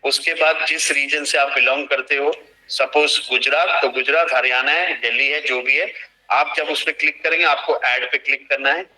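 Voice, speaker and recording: A man's voice: medium pitch, steady tone, moderate pace, sharp tone, rough recording. A young man, talking an online team through a task on a video call and restating each instruction. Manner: explanatory, repeats and restates instructions. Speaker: online trainer. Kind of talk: live screen-share training session.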